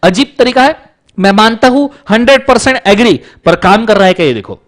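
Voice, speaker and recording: A man's voice: high voice, lively intonation, fairly quick, a bit bright. A man giving a classroom law lecture who teaches playful mnemonics, repeats them many times, mixes in English terms and keeps asking if everyone understands.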